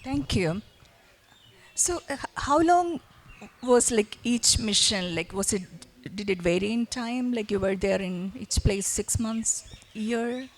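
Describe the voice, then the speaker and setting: A woman's voice: on the high side, expressive, unhurried. A woman moderating a panel, asking informal, conversational questions that are loosely phrased. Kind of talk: informal interviewing.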